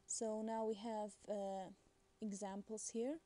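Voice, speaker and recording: A woman's voice: mid-range voice, flat delivery, takes it slowly, mellow. A woman teaching a lesson in a casual, hesitant way, with many fillers and restarts. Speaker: Arabic language teacher.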